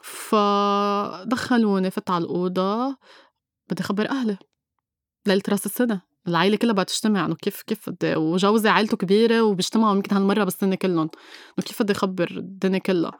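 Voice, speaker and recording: A woman's voice: medium pitch, racing, no echo, studio quality. A woman with a Lebanese Levantine Arabic accent tells a personal story as an interview guest, emphatically repeating phrases and mixing in English words.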